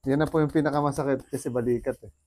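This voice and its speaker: A man's voice: medium pitch, steady tone, racing, a little mellow, a little hiss or hum. A Filipino man working as a bone setter, talking a client through treatment in a soothing, coaxing way with frequent laughs. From Philippines.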